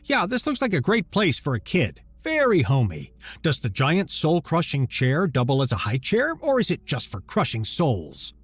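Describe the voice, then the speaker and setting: A man's voice: a little high, huge pitch swings, moderate pace, breathy edge, no room sound, voice pushed up, exaggerated voice. A man voicing a bitter, sarcastic single father in a sci-fi story. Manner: sarcastic, biting.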